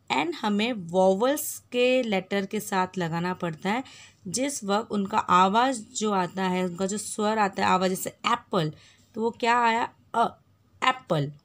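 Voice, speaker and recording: Slow woman teacher sounding out words. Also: medium pitch. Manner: repeats and sounds out words syllable by syllable. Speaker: English grammar teacher. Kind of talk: slow explanatory lesson for children.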